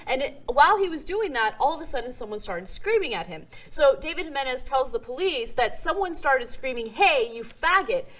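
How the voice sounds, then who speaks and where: A woman's voice: high-pitched, fairly bright tone. A woman co-hosting a casual talk show, reading out news stories and chatting about them. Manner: reads news stories then chats, fillers. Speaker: co-host.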